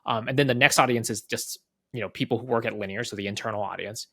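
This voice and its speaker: Speaking fast in a steady, slightly bright, medium-pitched voice, this man is a head of product being interviewed as a guest. He thinks out loud in a casual way and keeps asking "right?". The recording is dry, with clean studio sound.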